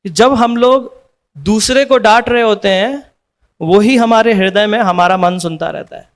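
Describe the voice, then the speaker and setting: A man's voice: sits high, measured pace. A man giving a devotional lecture in a conversational way, teaching through everyday examples and often checking with his listeners. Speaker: devotional speaker.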